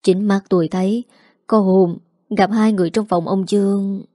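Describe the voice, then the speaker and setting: A deferential middle-aged housekeeper, played by the woman narrator. The voice is mellow and the recording close and dry, like a storybook. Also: medium pitch, fairly even intonation, moderate pace, no room sound, close to an everyday voice.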